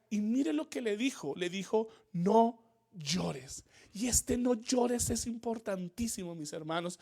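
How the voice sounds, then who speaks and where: A man's voice: high-pitched, darkish tone. Earnest male pastor preaching a sermon. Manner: earnest preaching, repeats key phrases, rises in emphasis. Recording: church livestream.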